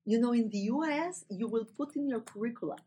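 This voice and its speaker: A native Spanish-speaking woman with a Latin American accent discusses ideas in halting non-native English with a husky voice, searching for words. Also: on the high side, dark tone, a little hiss or hum. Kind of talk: spoken discussion.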